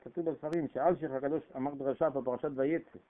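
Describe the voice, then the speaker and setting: Animated man preaching over tinny radio. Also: medium pitch. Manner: animated, acts out voices, rising shouts. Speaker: Torah preacher. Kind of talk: storytelling sermon. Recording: tinny phone-like radio broadcast.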